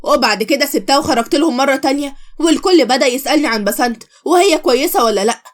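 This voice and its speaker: An Egyptian Arabic woman tells a dramatic story. Her voice sits high and she talks fast. She voices every character herself, one after another. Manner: quick, expressive, switches voices between characters. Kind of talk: dramatic story narration, voicing all characters.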